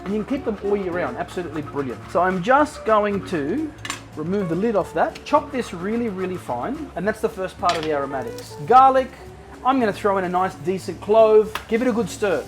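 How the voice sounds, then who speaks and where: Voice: medium pitch, very animated, fairly quick, over music. An enthusiastic cooking show host giving a casual demonstration to viewers, often repeating words for emphasis, over a sizzling pan.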